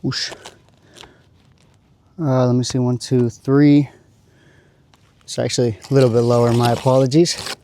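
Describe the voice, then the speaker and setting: A man working as a roofer, talking through a shingle repair step by step, his voice going hoarse after a long day. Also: medium pitch, level tone, unhurried, pauses often, background noise. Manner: careful, explaining each step. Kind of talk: on-site repair walkthrough. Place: on a rooftop outdoors.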